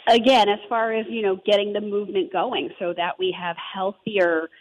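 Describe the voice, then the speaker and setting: As a guest in a conversational interview, a thirtysomething holistic health advocate with a New Jersey accent speaks enthusiastically, full of fillers and asides. Her medium-pitched voice has a flat delivery at normal speed, and the audio has cut-off highs plus a little hiss or hum.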